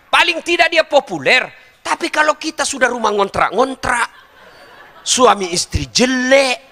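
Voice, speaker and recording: A man's voice: extremely high pitch, big-room sound. A middle-aged man giving a humorous sermon, joking and speaking straight to the audience. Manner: lively, joking, addresses the audience directly. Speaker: preacher.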